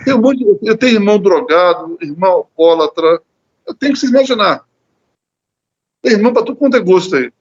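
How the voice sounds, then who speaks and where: Earnest high-voiced Brazilian lay preacher. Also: male voice, animated, a little fast, husky, lo-fi sound. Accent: Brazilian Portuguese. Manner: earnest, repeats words while searching, often adds "né?". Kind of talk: church Bible study talk. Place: church.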